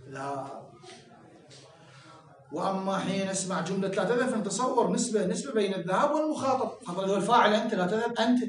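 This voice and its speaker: A seminary teacher with an Iraqi Arabic accent gives a classroom lecture in a high, fairly bright voice. He explains things step by step, keeps asking "clear?" and jokes with his students. The room is echoey and the mic sits at a distance.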